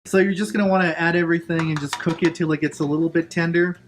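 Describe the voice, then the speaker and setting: Higher-voiced man casually hosting a cooking demo. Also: fairly even intonation, quick pace, background noise. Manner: laid-back, chatty instruction with joking asides. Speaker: cooking show host. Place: kitchen, at the stove and counter.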